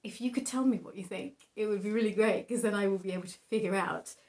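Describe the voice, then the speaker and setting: A young woman talks casually, as a painter would to viewers of a personal vlog. Her voice sits at an average female pitch. She rambles through hesitant asides with a giggly, self-deprecating manner. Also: fast, a little mellow. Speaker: painter presenting own artwork.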